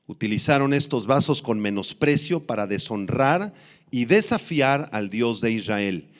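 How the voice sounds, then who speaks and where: A man's voice: mid-range voice, lively intonation. Emphatic male pastor repeating key phrases. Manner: emphatic, repeats key phrases, spells out Aramaic words slowly. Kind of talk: expository sermon.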